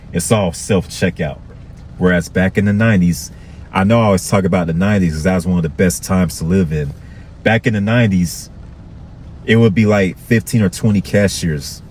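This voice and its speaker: Deep-voiced man ranting to viewers. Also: darkish tone, slight background noise. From Florida. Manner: conversational, repetitive, addresses viewers with "okay". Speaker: vlogger. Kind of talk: casual commentary to viewers.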